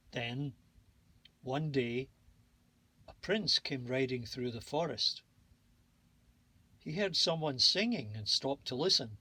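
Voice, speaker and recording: A man reading a bedtime fairy tale aloud in a slow, calm and soothing way. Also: medium pitch, breathy edge. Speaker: storybook narrator. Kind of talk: bedtime story read-aloud.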